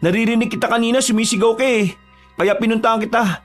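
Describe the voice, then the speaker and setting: A man voicing a panicked teenage boy, Brenda's younger brother, in an audio horror story, with a high, strained boyish voice. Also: fairly even intonation, quick pace, soft background music. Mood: teasing.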